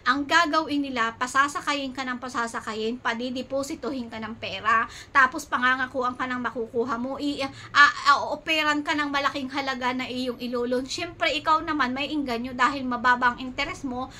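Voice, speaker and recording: A woman's voice: high-pitched, normal speed, a little hiss or hum. A middle-aged woman from the Philippines vlogging, casually telling her viewers a story and acting out both sides of the conversations. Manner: animated retelling, acts out both sides of chats.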